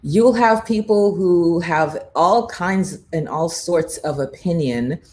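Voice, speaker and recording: A woman with a lowish, slightly mellow voice talks at a slow pace. She hosts a morning show and works as a brand coach, and here she preaches emphatically on a motivational live stream, drawing on faith and quoting inner voices.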